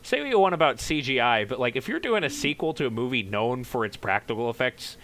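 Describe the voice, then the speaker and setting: A man co-hosting a casual movie podcast, excitable and swearing casually as he talks. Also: mid-range voice, fast talker, slight background noise. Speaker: podcast co-host.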